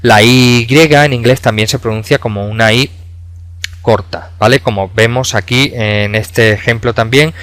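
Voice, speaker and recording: A man in his thirties teaching English pronunciation in a video lesson, explaining patiently with many pauses and fillers. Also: mid-range voice, fairly even intonation, fairly bright tone, clean tone, dry recording. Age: 30s. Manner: explanatory, hesitant with frequent fillers.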